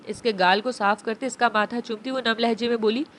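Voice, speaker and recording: A woman narrating a romance novel in a steady storytelling delivery. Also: fairly high pitch, brisk, a little hiss or hum.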